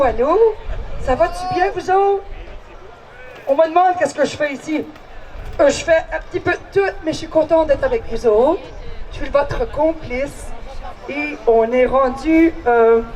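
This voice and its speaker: A woman's voice: sits high, darkish tone, low-quality recording. A woman with a Quebec French accent co-hosting from an outdoor festival stage, playful and teasing. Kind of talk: lively stage emceeing. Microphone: handheld stage microphone.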